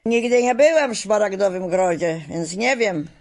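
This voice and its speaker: A woman voicing a calm, fearless tin man in a storybook reading, speaking steadily. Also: medium pitch, normal speed, pitched above the performer's own voice, natural voice.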